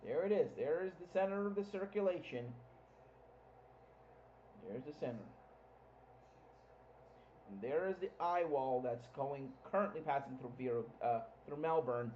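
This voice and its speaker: Muffled, mellow-voiced man giving live storm updates. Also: a little high, expressive, moderate pace, pauses often. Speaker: livestream host covering a hurricane. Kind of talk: live storm coverage commentary, informal. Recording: muffled lo-fi audio with faint noise.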